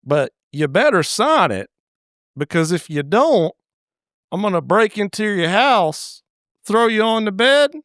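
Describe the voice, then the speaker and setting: A man's voice: high voice, big pitch swings, unhurried, fairly bright tone, no echo, studio quality, voice pushed up, heavily acted. A man voicing a pushy, crude rich young man who brags and coaxes. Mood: menacing. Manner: brash, crude, wheedling.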